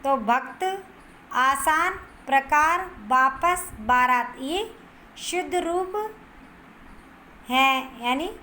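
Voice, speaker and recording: Slow, bright-voiced woman teacher. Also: high voice, slight background noise. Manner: slow, repeats each word and answer for dictation. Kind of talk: Hindi grammar lesson for first graders.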